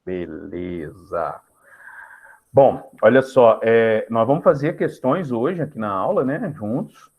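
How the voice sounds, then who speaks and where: A man's voice: medium pitch, lively intonation, takes it slowly, creaky, breathy edge, muffled recording. A man with a Brazilian Portuguese accent teaching a live grammar class in a casual way, often checking in with students.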